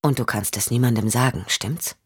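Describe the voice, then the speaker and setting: Lady voicing a calm investigator guy, low and husky, patient gentle questions. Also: moderate pace, dry recording, studio quality, full character voice.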